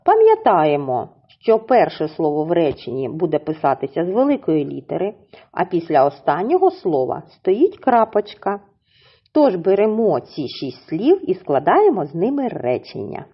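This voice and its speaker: A woman teacher with a Ukrainian accent gives a children's lesson, explaining slowly and deliberately and breaking words into syllables. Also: fairly low pitch, huge pitch swings, husky, highs cut off.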